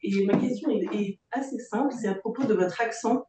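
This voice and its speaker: An audience member offers thanks and poses a measured question from the floor. The voice is heard from a distance. Room echo and steady background noise surround it. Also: mid-range voice. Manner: appreciative, measured, some fillers. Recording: distant, echoey, noisy room.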